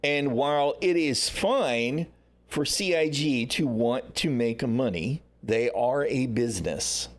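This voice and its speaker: A man's voice: mid-range voice, lively intonation, slow pace. A man hosting a gaming livestream, ranting casually with sarcasm and frequent swearing. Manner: frustrated, sarcastic, swears often. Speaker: livestream host.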